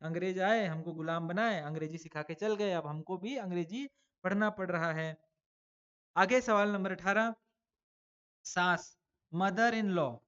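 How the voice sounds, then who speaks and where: A man teaches a class of children in a relaxed, chatty way, posing questions and answering them himself. His recording sounds a little dull and lo-fi. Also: high-pitched, unhurried, long pauses. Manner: chatty, addresses pupils as "beta". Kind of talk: online exam-prep lesson for children.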